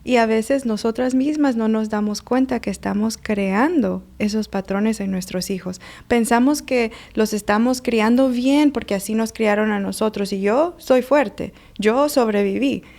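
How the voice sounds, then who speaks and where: A woman's voice: a little high, moderate pace, hardly any pauses, darkish tone. A woman life coach and mother, speaking earnestly about emotions and child-rearing, telling personal stories in a conversational interview. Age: adult mother. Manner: earnest, uses personal stories and acted-out quotes.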